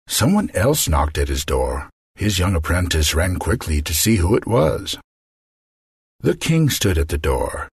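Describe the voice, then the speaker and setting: A man reading a children's story aloud in a lively, expressive way, with a husky voice. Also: low-pitched, dry recording, clean studio sound.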